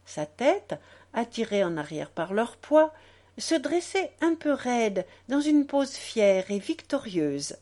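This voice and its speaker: A woman reads a classic novel aloud at a slow, unhurried pace. Her pitch rises and falls with lively expression, giving each sentence a measured, deliberate shape. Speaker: audiobook narrator. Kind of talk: literary reading.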